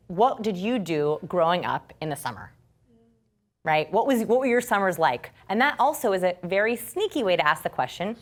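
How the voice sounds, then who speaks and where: A woman instructor teaching a storytelling class, lively and acting out quoted speech. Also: lowish voice.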